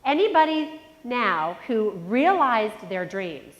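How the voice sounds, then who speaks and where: A middle-aged woman with a nasal voice gives a motivational keynote in a large conference hall, telling a personal story and addressing the audience directly. Her pitch is fairly high with big swings and her pace slow, while the muffled recording carries the hall's long reverb.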